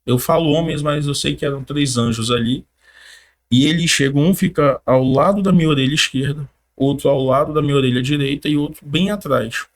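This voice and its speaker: A man on a podcast giving his personal faith testimony in casual conversation, a lively storyteller who acts out what others said, with informal slang. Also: a little high, fairly quick. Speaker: podcast guest.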